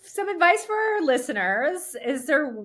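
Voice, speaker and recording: A woman's voice: sits high, very animated, measured pace, fairly bright tone. A woman hosting a podcast in casual chat, joking, laughing often and swearing casually. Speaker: podcast host.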